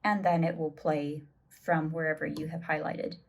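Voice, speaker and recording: A woman with a slightly low voice talks through an app tutorial. She explains each step in a relaxed, chatty way and drops in easy fillers as she goes. She sounds like she is recording a friendly how-to at her own pace. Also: normal speed. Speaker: tutorial host. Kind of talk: casual screen tutorial.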